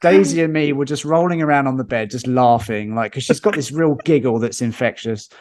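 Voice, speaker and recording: A man, a podcast guest chatting casually and telling lively anecdotes with chuckles. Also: medium pitch, a little fast.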